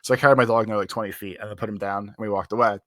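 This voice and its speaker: A man's voice: lowish voice, fairly even intonation, very fast, fairly bright tone, dry recording, studio quality. A man co-hosting a podcast, telling a long story in casual chat, full of "like" fillers and rambling. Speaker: podcast co-host.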